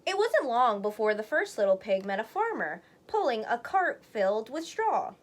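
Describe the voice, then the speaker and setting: A woman storyteller narrating a children's read-aloud in an expressive, deliberate way. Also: on the high side.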